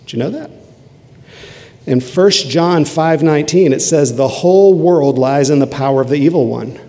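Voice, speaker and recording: Male pastor, gravelly, mellow tone, long church reverb, sermon with sudden loud emphasis and soft asides. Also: on the high side, moderate pace. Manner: preaching with emphatic rises and quiet asides.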